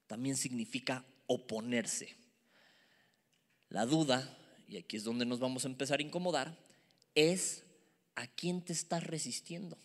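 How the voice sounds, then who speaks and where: A man delivers a sermon to young listeners, emphatic and lively, now and then sinking into a hushed whisper. His voice sits a little high, and it rings with the long reverb of a large hall. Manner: animated, emphatic, drops to a whisper for asides. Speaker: youth preacher.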